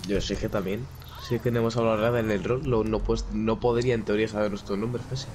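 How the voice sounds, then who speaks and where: Low-voiced young man, rambling. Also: fairly even intonation, fast talker, darkish tone. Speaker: podcast co-host. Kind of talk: casual chat while gaming. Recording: noisy background.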